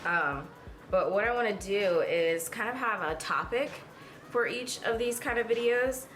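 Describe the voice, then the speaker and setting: Faint music plays behind a beauty vlogger in her 20s as she puts on makeup at home before a mirror. She rambles to viewers, full of fillers, in an expressive, unhurried, mid-range voice with a bit of brightness.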